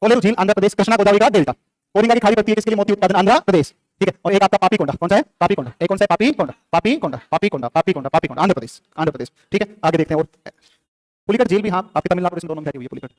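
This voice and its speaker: A man's voice: high voice, very fast, no room sound. A middle-aged male teacher giving a classroom lecture, repeating names over and over and asking and answering his own questions. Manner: chatty asides to students. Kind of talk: classroom lecture with call-and-response drilling.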